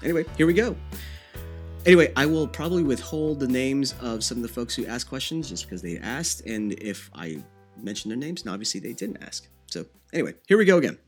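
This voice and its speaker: A man's voice: mid-range voice, expressive, a little fast, soft background music. A man in his thirties from the Philippines hosting his podcast alone, answering listener questions in a conversational way with many fillers and restarts. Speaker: podcast host. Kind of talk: solo podcast Q&A.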